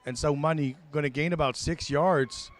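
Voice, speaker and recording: A man calls live play-by-play for a high school football broadcast. He's excitable and quick to correct himself in the middle of a call.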